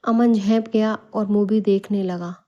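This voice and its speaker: Woman narrator for a bedtime storybook, calm and even, warm mellow tone. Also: medium pitch, measured pace, dull audio. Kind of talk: scripted narration.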